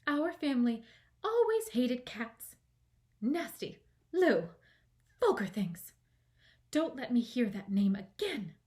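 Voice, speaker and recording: A woman voicing a small, touchy mouse with a shrill, trembling voice and an indignant, self-important manner in a children's storybook reading. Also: huge pitch swings, slow pace, a little mellow, heavily acted. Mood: indignant, offended.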